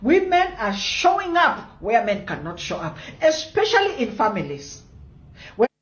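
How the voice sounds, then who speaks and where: A woman's voice: a little high, wildly swooping pitch, measured pace. A Kenyan woman in her fifties with a Kenyan accent, giving an impassioned, defiant monologue full of rhetorical questions. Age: 50s. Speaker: commentator in a played clip. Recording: echoey, dull lo-fi clip.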